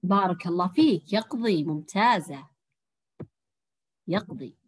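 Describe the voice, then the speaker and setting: A woman teaching a lesson to young girls, praising each answer and sounding out words slowly. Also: mid-range voice, sing-song. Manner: warm praising teacher, drawn-out encouraging words. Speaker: primary school teacher. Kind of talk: online Arabic language lesson for young girls.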